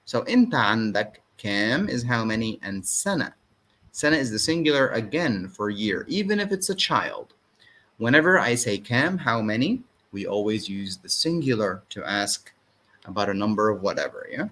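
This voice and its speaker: A man's voice: lowish voice, very animated, moderate pace, a bit bright. A man teaching an informal language lesson, explaining step by step, repeating words and checking in with short tags.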